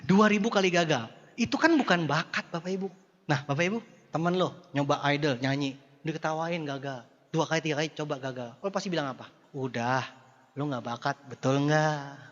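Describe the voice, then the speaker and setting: A man's voice: fairly high pitch, fast, fairly bright tone. A man giving a motivational seminar talk to an audience in a style, playful and teasing, with mock dialogues and rhetorical questions. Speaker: motivational speaker. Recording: dull echoey hall sound.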